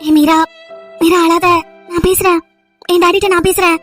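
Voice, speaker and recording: A woman's voice: very high voice, flat delivery, moderate pace, a bit bright, faint music behind. A woman voicing a protective young woman in an amateur audio drama, soothing and earnest. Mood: comforting.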